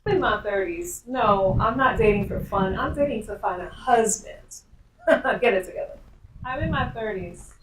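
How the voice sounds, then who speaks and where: A woman's voice: medium pitch, animated, moderate pace, distant mic, a little hiss or hum. A woman in her thirties delivering sassy, punchy one-liners in a social media skit. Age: 30s. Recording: roomy sound from off the mic.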